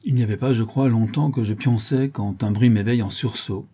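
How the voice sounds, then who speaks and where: A man voicing a rough, loyal Parisian ex-brawler who rambles in street slang. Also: on the low side, a little fast, warm tone. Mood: confiding.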